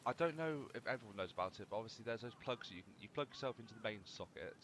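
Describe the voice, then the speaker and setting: A man's voice: fairly low pitch, expressive, rapid-fire, fairly bright tone, a little hiss or hum. A young man rambling casually through gameplay commentary, swearing freely as he chats. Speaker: gaming channel host.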